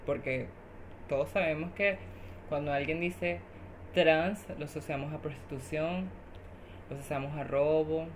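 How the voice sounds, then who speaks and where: A woman's voice: low-pitched, steady tone, measured pace, long pauses, a little hiss or hum. A woman guest on a podcast, speaking emphatically and often agreeing with the host, stacking up repeated phrases. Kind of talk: casual podcast conversation.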